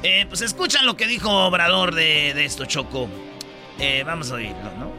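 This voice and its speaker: A man's voice: on the high side, normal speed, music in the background. A man with a Mexican accent co-hosting a slangy, casual news chat. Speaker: talk show co-host.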